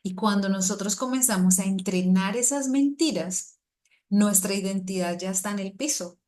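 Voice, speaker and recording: A middle-aged woman delivers a sermon to a women's group. Her voice sits at an ordinary pitch, and she talks in a lively way, pressing hard on her main points. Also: moderate pace. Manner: lively, rising to animated emphasis when acting out quotes. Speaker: preacher.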